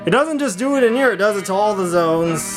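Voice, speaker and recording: Walking viewers through his home rooms and workshop, a man speaks in a high, animated voice at a quick pace with music playing behind him. His informal demonstration rambles along in stop-start bursts, and the room audio is noticeably noisy with clicks.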